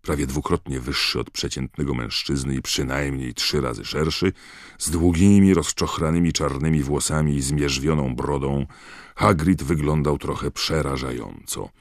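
A man narrating an audiobook with a very deep, low voice and a steady, measured delivery. The recording is close and dry, with no room around it. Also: no room sound. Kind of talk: scripted narration.

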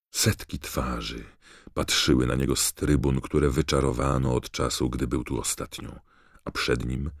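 A man narrating an audiobook in a measured, steady reading. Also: rumbling low, creaky, dry recording, clean studio sound. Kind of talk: scripted narration.

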